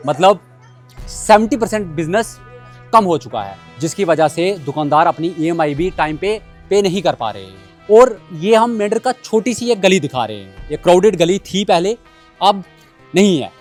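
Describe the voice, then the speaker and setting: A man's voice: sits high, animated, normal speed, soft background music. A man reporting from an outdoor market lane and interviewing shopkeepers, with earnest appeals to viewers. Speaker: street reporter.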